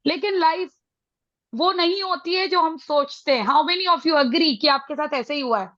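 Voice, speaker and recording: A middle-aged woman with an Indian accent leading a motivational parenting session, mixing Hindi and English with emphatic, drawn-out phrases. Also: high voice, pushed and bright, no room sound, highs cut off. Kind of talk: motivational talk to a live group.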